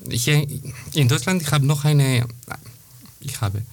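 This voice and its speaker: Halting male band member. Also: on the high side. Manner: halting, searching for words. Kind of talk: casual interview talk.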